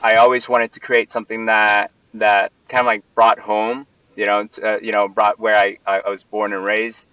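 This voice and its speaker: Answering interview questions, a Puerto Rican venue owner rambles, full of fillers and restarts. His fairly low voice is flat and sharp, at normal speed with few pauses and no room sound, captured on a distant, dull, lo-fi mic.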